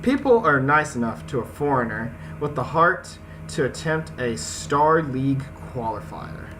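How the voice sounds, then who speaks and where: Hosting a casual let's play, a man with a medium-pitched voice and lively intonation talks at a measured pace. He moves from slangy, informal asides to reading a story aloud, with game music and background noise behind him.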